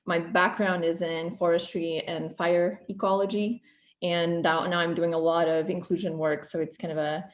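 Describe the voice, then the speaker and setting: A woman's voice: fairly low pitch, level tone, normal speed, echoey room. A woman from Portugal, a non-native English speaker, giving a guest presentation over a video call, fluent but with frequent ums and restarts. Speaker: guest speaker, program coordinator.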